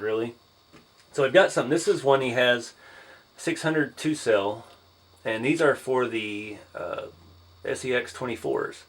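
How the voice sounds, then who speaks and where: Tired man rambling through a haul. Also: mid-range voice. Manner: easygoing, rambling with frequent "uh"s. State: tired, losing his voice. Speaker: hobby channel host. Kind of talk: casual one-take haul vlog.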